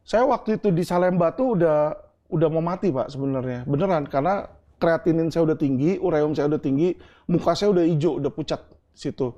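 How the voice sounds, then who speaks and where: A man's voice: fairly high pitch, brisk, warm tone, highs cut off. A middle-aged man from Indonesia in an interview, answering earnestly and explaining with homely examples and asides like "right?". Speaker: interview guest.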